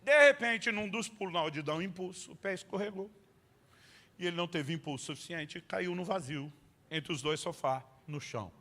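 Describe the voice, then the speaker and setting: A male pastor delivers a humorous sermon full of family anecdotes. His voice is high and bright. He tells stories in an animated way and breaks into loud shouts at the punchlines. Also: fairly quick.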